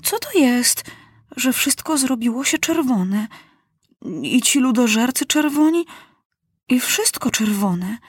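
A cheerful young boy king who hasn't a clue what's happening, as a woman puts him on. The voice rides high and wondering, with a husky edge. It sits close to the mic in a dry space. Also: big pitch swings, takes it slowly, dry recording, heavily acted.

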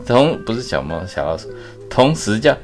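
A man reading a picture book aloud to a child at bedtime, chatty and gentle, stopping to ask questions. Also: lowish voice, sing-song, fairly quick, over music.

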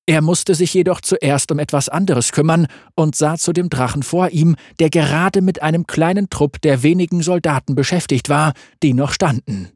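A man narrating a fantasy story aloud in a steady reading voice. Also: medium pitch, breathy edge, no room sound, clean studio sound.

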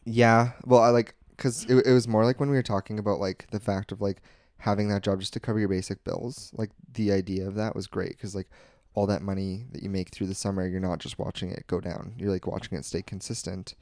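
Young dude, deep voice, tells stories loose with tons of fillers, dry recording. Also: male voice, flat delivery, fairly quick, darkish tone, no echo. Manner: loose, filler-heavy, acts out quoted talk. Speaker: podcast co-host. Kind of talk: casual storytelling chat.

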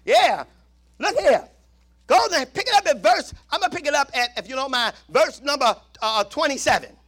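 A man in his fifties preaching a sermon as pastor, swinging between shouted exclamations and hushed, low asides. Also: lively intonation, moderate pace.

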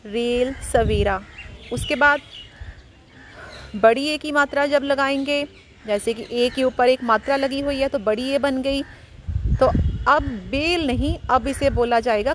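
A woman's voice: high voice, a little hiss or hum. A woman teacher, patiently explaining letters to pupils she calls 'beta', stretching out each example word. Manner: addresses pupils as 'beta', drawn-out example words, reassuring. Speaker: Hindi teacher. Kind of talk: slow, patient classroom explanation. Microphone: audio recording for students.

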